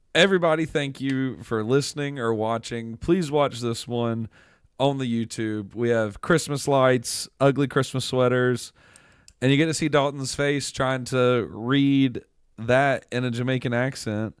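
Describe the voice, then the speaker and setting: A man hosting a podcast with an upbeat, joking manner, wrapping up the show in casual chat. His voice sounds smooth and clean, with a dry, close sound around it. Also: medium pitch, dry recording. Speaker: podcast host.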